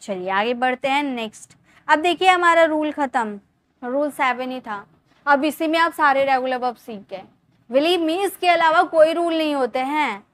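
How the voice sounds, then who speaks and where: A young woman teaching English grammar in Hindi, explaining step by step, repeating words slowly and asking her class questions. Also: high voice, fairly bright tone. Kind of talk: Hindi-language grammar lesson.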